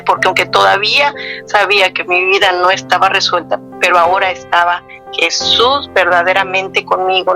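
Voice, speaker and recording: A woman giving an earnest, heartfelt faith testimony, often restarting her sentences. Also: mid-range voice.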